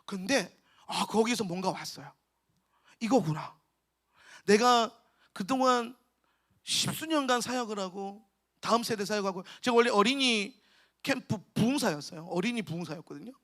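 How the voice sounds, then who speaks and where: A male pastor, preaching a lively storytelling sermon to a youth camp and acting out the people he quotes. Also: high-pitched, moderate pace, long pauses. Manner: storytelling, acts out quotes with shouts and laughs. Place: church hall at a camp.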